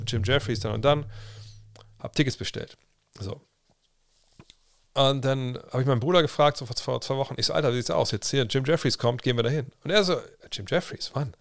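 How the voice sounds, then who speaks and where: Man, casual livestream storytelling, slangy chatter, gravelly voice, dry close sound. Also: medium pitch, dry recording. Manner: chatty, slangy, restarts and quoted self-talk. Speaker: livestream host.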